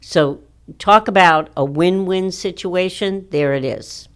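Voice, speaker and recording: A woman's voice: on the low side, takes it slowly. A woman, older, as a podcast interview guest, explaining things in a confident, explanatory way.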